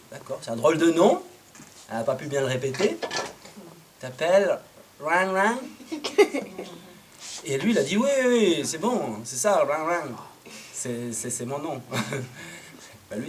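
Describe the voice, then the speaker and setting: A man telling a Christmas tale to a live audience in a playful, animated way, sometimes singing and getting listeners to join in. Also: medium pitch, slight background noise. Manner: lively, playful, sings and gets the audience to join in. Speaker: storyteller. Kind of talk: oral storytelling to a live audience.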